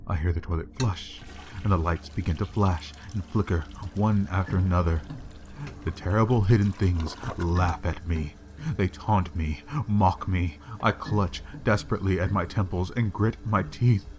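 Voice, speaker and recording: A man reading a horror story aloud in a measured, grim way. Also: low-pitched, steady tone, background noise. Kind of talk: scripted horror narration.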